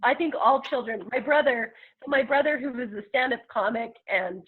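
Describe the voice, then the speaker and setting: A woman speaks earnestly over a video call, her voice slightly husky. The sound is thin and tinny, like a phone line. She rambles a bit and restarts her sentences. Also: fairly high pitch, normal speed. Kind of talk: casual talk to a group on a call.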